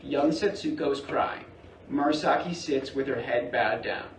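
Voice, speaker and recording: This man's voice sits mid-range and moves at a normal speed as he reads stage directions as narrator for a staged play reading. It's recorded in a roomy theatre from a distant mic, with faint background noise.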